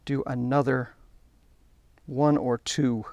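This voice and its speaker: A man's voice: mid-range voice, level tone, takes it slowly, a little mellow, dry recording. A man demonstrating a hands-on hobby technique, chatty and enthusiastic as he narrates while working. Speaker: hobby instructor. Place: workshop.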